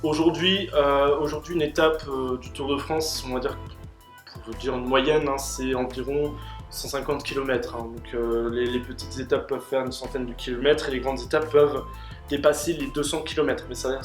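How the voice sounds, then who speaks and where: A man's voice: mid-range voice, fairly even intonation, normal speed. Explaining man in a roomy room. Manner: many fillers and restarts, explanatory. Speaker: host answering questions on cycling. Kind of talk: casual explanatory Q&A. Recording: roomy room with faint music.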